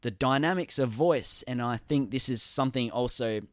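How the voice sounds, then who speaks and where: A man's voice: mid-range voice, moderate pace, no echo, studio quality. A man with an Australian accent hosting a podcast, asking long, enthusiastic, rambling questions. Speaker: podcast host. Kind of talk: casual podcast interview.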